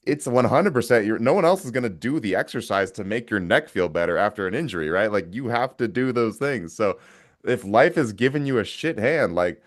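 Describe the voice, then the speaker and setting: A man with a lowish voice talks as a guest in a relaxed conversation. He is energetic and emphatic, leaning hard on his points and dropping the odd curse word. He sounds like a young adult. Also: a little fast. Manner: energetic, emphatic, swears casually. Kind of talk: casual conversation.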